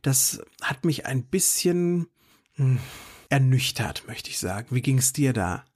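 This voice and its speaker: Husky man in casual review chat. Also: mid-range voice, very animated, takes it slowly. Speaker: podcast co-host.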